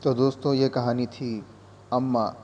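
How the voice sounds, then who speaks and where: A man narrating a story in a calm, gentle, reflective way. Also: medium pitch, unhurried, lo-fi sound, slight background noise.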